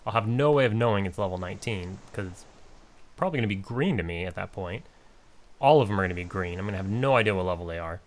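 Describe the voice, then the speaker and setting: A man's voice: on the low side, fairly bright tone. A man giving casual, rambling commentary over his own gameplay, with many fillers and restarts. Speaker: gaming channel host.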